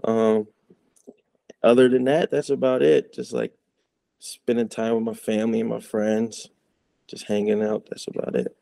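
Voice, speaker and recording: A man's voice: on the low side, a little slow, gravelly, long pauses, dry recording. A young man from the Chicago area, a college football player, chatting casually and laid-back as a guest. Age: young adult. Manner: relaxed, laid-back, trails off softly. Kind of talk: casual interview chat.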